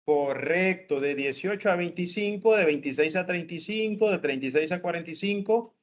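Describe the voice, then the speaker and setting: Patient man teaching over a dull call. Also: sits high. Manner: patient, coaxing, repeats questions slowly. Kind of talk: online class instruction. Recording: roomy, dull lo-fi call audio.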